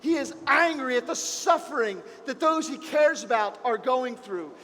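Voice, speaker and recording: A man preaching as pastor, impassioned, moving between hushed and raised passages. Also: very high voice, animated, normal speed, in a large hall, slight background noise. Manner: impassioned, swings between soft and loud. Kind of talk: sermon. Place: church.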